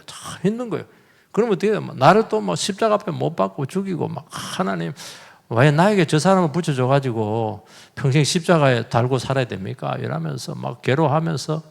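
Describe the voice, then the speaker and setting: Male pastor, middle-aged, sermon delivery, lively up-and-down pitch, gravelly edge, church hall echo. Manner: conversational preaching with acted-out quotes and rhetorical questions. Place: church sanctuary. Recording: long reverb of a church hall.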